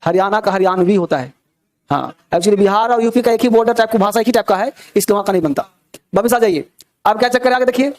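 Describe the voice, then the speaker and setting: A high-pitched male teacher runs a classroom grammar lesson. He keeps stopping to ask whether the class has understood. He slips English example sentences into his explanation. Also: quick pace. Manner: asks frequent check questions.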